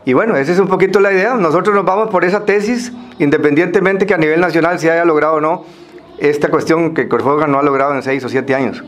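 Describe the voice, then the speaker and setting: A Costa Rican man speaking semi-formally to a group, explaining things in a halting way with pauses and repeated words. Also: a little high.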